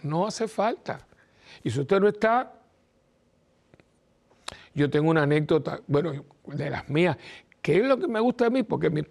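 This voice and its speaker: A man's voice: on the high side, vocal fry, a little mellow. A man, a priest hosting his own program, telling personal family stories in a rambling, chatty way and acting out the dialogue. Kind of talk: casual storytelling talk.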